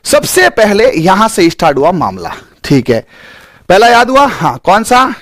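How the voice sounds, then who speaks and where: Lively, high-voiced male teacher. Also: unhurried, no room sound, clean studio sound. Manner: animated, coaxing, repeats key points. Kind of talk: live online exam-prep lesson.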